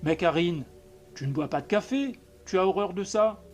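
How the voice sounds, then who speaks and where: A man's voice: sits high, lively intonation, normal speed, a little mellow, slight background noise. A man reading as a puzzled young man. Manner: questioning, uneasy. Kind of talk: audiobook reading.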